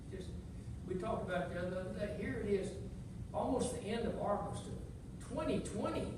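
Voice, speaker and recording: A man in his eighties preaching a sermon in an earnest, folksy way, pressing hard on key words as he builds. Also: high voice. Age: 80s. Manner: earnest, folksy preaching with rising emphatic stresses. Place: church sanctuary. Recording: very echoey church from far off with noise.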